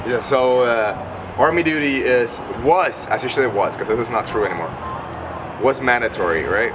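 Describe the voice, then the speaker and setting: A man's voice: mid-range voice, normal speed. Swearing Swedish-accented young man. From Sweden. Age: 20s. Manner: rambling and heavily profane, smoking while talking. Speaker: punk band member. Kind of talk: casual interview chat. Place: outdoors at night by a street venue. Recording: tinny lo-fi recording with loud street noise.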